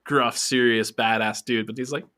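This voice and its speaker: A man's voice: medium pitch, steady tone, normal speed, pushed and bright. A man co-hosting a podcast in casual chat, thoughtful and hesitant, with many fillers. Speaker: podcast co-host.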